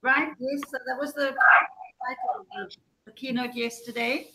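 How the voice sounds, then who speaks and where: A woman's voice: high voice, steady tone, moderate pace, pushed and bright, slight background noise, poor audio. A woman talking informally as an interviewed speaker, picked up by a laptop microphone on site. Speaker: keynote speaker.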